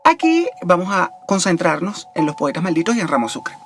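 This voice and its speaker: A podcast host talks through literary history in a relaxed, educational way. The delivery is chatty and wanders off topic. Wry jokes and personal asides keep interrupting the lesson. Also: mid-range voice, a little fast, over music. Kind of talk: informal educational podcast talk.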